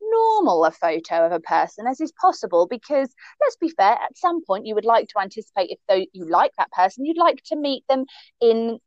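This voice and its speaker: A woman co-hosts a casual chat in a bright, fairly high voice that ranges widely. She talks with emphatic, laughing energy. The recording sounds dull and dry. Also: sing-song, fairly quick, no room sound. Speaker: podcast co-host.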